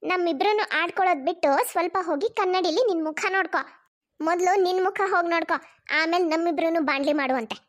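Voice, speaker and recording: A woman's voice: very high-pitched, fast talker. A woman voicing a scolding, mocking older mother-in-law in a cartoon. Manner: mocking, lecturing. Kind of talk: cartoon voice acting.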